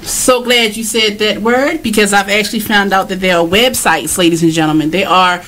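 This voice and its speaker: A woman's voice: mid-range voice, steady tone, normal speed, fairly bright tone. A woman hosting a radio show, playful and profane. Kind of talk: casual radio talk.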